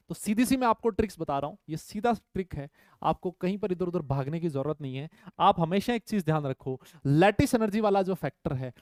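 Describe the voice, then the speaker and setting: A man's voice: high-pitched, darkish tone, dry recording, clean studio sound. A man teaching a chemistry lecture, emphatic, repeating key points and checking in with his students. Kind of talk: online lecture.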